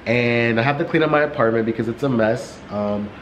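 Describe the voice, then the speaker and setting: Young male vlogger, casual and monotone, filler-heavy, slightly breathless, faint room tone. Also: mid-range voice, brisk, dull audio, a little hiss or hum. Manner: rambling, many "like" fillers. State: short of breath. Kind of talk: casual vlog chat. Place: warm sunlit apartment living room. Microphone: camera resting on a couch.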